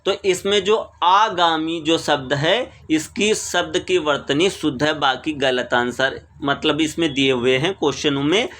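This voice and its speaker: A man's voice: a little high, a little slow, hardly any pauses, fairly bright tone. A man teaching exam questions, reading each question, repeating it and explaining the answer. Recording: screen recording voice-over.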